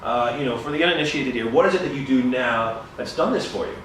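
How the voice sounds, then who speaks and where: A man's voice: medium pitch, fast talker, fairly bright tone, distant mic, a little hiss or hum. A man hosting a live interview in front of an audience, upbeat and wordy like a presenter. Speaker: event host interviewer. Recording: echoey room mic heard from afar.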